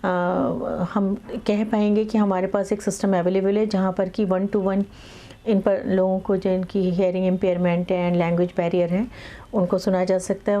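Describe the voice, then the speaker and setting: Middle-aged woman lawyer talking slow n steady, lots of uhs, pretty flat tone. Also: medium pitch. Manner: measured, many filler pauses, mixes English legal terms into Hindi. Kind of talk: explaining in conversational interview.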